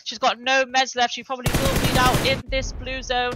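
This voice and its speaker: A woman doing play-by-play for a live esports match, excitable, with lots of "um"s in her analysis. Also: high-pitched, moderate pace, background noise. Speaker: esports caster. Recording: dry, dull lo-fi mic.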